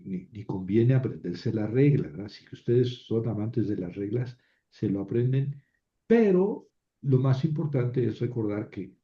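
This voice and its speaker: A man's voice: medium pitch, warm tone. A man teaching a recorded lesson, explaining patiently with tag questions and small self-corrections. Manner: unhurried, explanatory, with frequent "¿verdad?" tags and self-corrections. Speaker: Hebrew teacher. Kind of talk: recorded lecture. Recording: dull roomy lecture recording.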